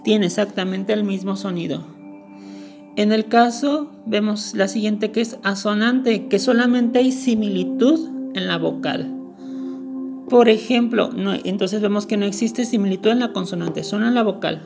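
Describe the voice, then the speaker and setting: A woman's voice: medium pitch, moderate pace, gravelly, over music. A woman explaining a lesson step by step, going over each point carefully and repeating the key words. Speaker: teacher. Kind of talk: screen-recorded lesson.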